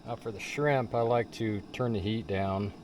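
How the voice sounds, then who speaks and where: A man's voice: fairly low pitch, moderate pace. A man talking in a laid-back, plain-spoken way as he narrates a casual cooking and camping vlog. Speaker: camping vlogger. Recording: clear sizzling and ambient noise. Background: food frying and stirring.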